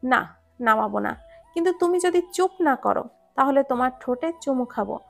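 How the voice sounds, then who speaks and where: A woman reading a storybook romance aloud, voicing a hot-tempered young husband who scolds gruffly. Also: high-pitched, expressive, moderate pace, exaggerated voice. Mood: teasing.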